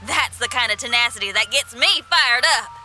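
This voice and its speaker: Bright, folksy young rocker girl Xinyan. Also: fairly high pitch, lively intonation, normal speed, soft background music. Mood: calm, confident. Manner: folksy, spirited. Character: spirited young woman rock musician, loyal and fiery. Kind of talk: animated video game voice acting.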